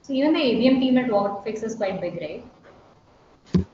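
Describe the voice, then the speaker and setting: A woman's voice: fairly high pitch, animated, moderate pace, warm tone. A woman with an Indian accent, casually hosting a group discussion on an online call. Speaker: host. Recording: roomy, muffled, faintly noisy call.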